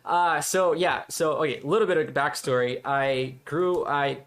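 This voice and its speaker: A young man from Colombia whose first language is Spanish, a filmmaker guest telling his story in casual, animated podcast chat. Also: fairly high pitch. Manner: animated storytelling, quick asides, laughs easily.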